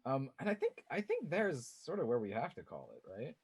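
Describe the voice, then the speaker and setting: A man narrating as game master of a tabletop game, loose and halting with frequent fillers. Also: medium pitch, huge pitch swings, slightly rough.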